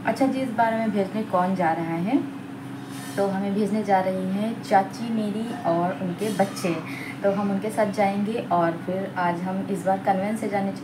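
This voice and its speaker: A woman's voice: medium pitch, noisy background. A young woman narrating a casual home vlog, chatty and homely, talking straight to her viewers. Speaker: vlogger.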